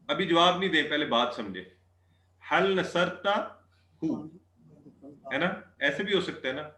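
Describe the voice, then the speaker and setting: A man teaching an online Arabic class, repeating phrases slowly and checking often that the students follow. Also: fairly high pitch, lively intonation, sharp tone. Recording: echoey room.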